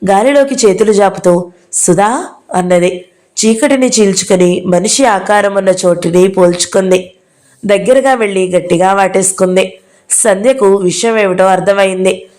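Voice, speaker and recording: A woman hosting her own channel, reading a novel aloud in a measured, even storytelling voice. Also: medium pitch. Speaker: audiobook narrator, channel host.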